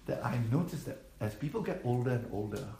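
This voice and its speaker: A man's voice: medium pitch, lively intonation, fairly quick, warm tone, echoey room, a little hiss or hum. A man, preaching a sermon as pastor in a conversational way and putting questions to the congregation. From Malaysia. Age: 50s. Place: church.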